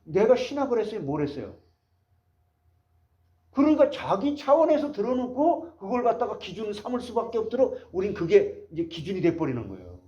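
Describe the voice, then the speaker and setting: A male pastor preaches with a high, lively voice that swings up and down as he presses his points. He keeps turning to the congregation with rhetorical questions. The recording sounds dull and lo-fi. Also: a little fast. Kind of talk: sermon.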